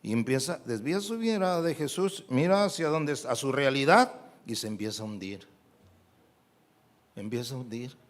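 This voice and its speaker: In a church, a pastor with a Mexican Spanish accent delivers an animated sermon, firing rhetorical questions at the congregation. His voice is mid-range and his speed normal.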